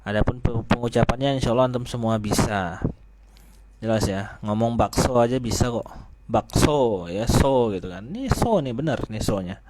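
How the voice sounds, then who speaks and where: A man's voice: mid-range voice, lively intonation, brisk. A man teaching students how to pronounce letters, in a casual manner, asking the class questions and answering them himself. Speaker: Quran recitation teacher. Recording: noisy recording with clicks.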